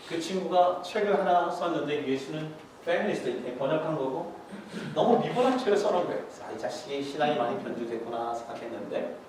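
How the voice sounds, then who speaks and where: A middle-aged male pastor preaching a sermon in a lively way, acting out voices and putting questions to his congregation. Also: on the high side, a little hiss or hum. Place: large church sanctuary. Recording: echoey hall, mic far from the speaker.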